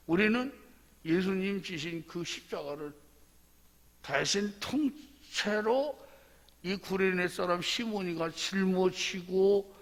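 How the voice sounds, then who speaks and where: A man's voice: fairly high pitch, vocal fry, big-room sound. A male pastor giving a dawn prayer sermon, emphatic and repetitive, telling the story dramatically. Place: church sanctuary.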